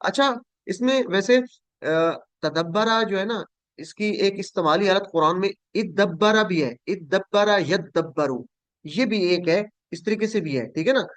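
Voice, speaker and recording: Man teaching verb forms, high voice. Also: fairly bright tone, dry recording. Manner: patient, repeats word forms slowly and corrects students. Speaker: Quran Arabic teacher. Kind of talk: online class drilling verb tables.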